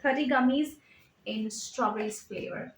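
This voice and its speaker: A woman's voice: sits high, measured pace, roomy sound, poor audio. A woman chatting casually at home in a show-and-tell vlog, reading out product labels with lots of fillers. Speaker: lifestyle vlogger. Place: home living room.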